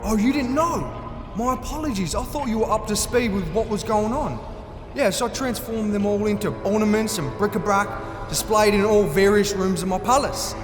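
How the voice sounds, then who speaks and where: A man's voice: high voice, moderate pace, close to an everyday voice. An actor playing a theatrical, mock-genial Gnome King in a fantasy audio drama, effusively polite and gloating. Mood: mock-innocent. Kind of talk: full-cast fantasy audio drama acting. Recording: echoey cavernous hall, music underneath.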